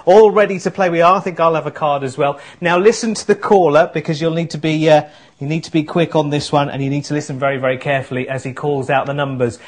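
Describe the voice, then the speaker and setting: A man's voice: on the high side, fairly even intonation, quick pace. A British man in his thirties presenting an upbeat sales demonstration in an enthusiastic, chatty way. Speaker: shopping channel presenter. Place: small indoor studio set.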